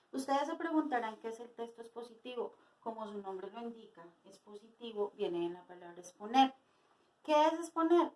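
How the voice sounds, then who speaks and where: A woman's voice: a little high, poor audio. Woman teacher explaining to students. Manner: slow explanatory teaching with rhetorical questions. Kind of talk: spoken lesson for students.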